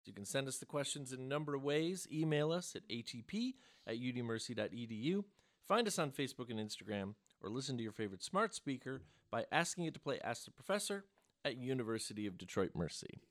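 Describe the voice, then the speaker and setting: A man's voice: mid-range voice, sing-song, a bit bright. Guy hosting a trivia panel on the radio, bouncy voice, joking around. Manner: playful, reads questions slowly. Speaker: quiz host.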